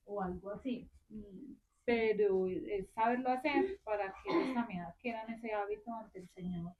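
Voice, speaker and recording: A woman's voice: medium pitch, moderate pace, lo-fi sound, a little hiss or hum. A woman with a Colombian Spanish accent, a mother in a church class, telling personal stories expressively and acting out the dialogue. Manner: expressive, narrates with quoted dialogue. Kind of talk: sharing a personal story in discussion.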